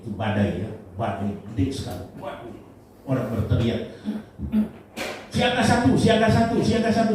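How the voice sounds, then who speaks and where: Pastor, male, animated sermon delivery, boomy church echo, mic set back. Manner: animated preaching, swings between loud emphatic and low asides. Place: church hall. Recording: echoey church hall, mic at a distance, light noise.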